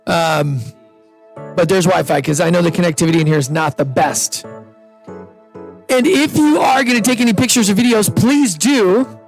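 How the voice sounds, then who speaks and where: An upbeat man who hosts events and invests speaks into a handheld microphone in an indoor event room before a seated audience. His voice sits high at a normal speed, he pauses often, and he's chatty with loose restarts, with faint music playing behind him.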